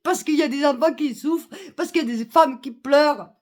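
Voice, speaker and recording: A woman's voice: high-pitched, a little fast. A woman in an indignant political rant, very angry, swearing and repeating herself. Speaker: citizen speaking out.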